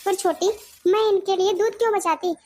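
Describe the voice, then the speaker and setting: A woman's voice: extremely high pitch, fairly even intonation, fairly quick, a little mellow. A woman voicing a blunt, defiant elder daughter-in-law in a cartoon. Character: defiant sharp-tongued young daughter-in-law. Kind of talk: cartoon voice acting.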